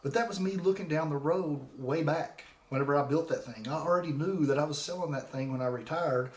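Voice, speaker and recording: A man in his forties with a fairly high, brisk voice hosts his own podcast, chatting casually into a desk microphone hooked to a laptop. He rambles and restarts often, and the sound is reverberant.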